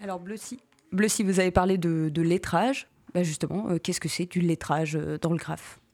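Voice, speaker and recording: A young woman hosting a radio interview, friendly and relaxed with frequent fillers. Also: on the low side, moderate pace. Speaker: radio host.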